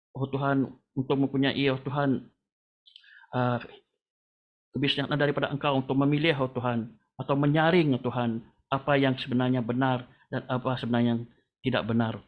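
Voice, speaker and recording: A man leading a congregation in a long spoken prayer, calling on the Lord after nearly every phrase. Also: medium pitch. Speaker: prayer leader. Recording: tinny phone-like line.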